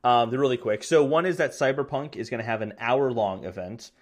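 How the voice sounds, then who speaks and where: A man's voice: mid-range voice, brisk. A man co-hosting a casual gaming podcast, talking eagerly and correcting himself as he goes. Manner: rambling, self-correcting, excitable. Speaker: podcast co-host.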